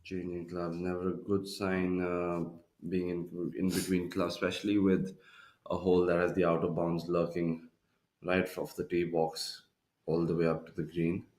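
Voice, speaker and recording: Deep-voiced man, golf commentator. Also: completely flat delivery, moderate pace, darkish tone, reverberant. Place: broadcast studio.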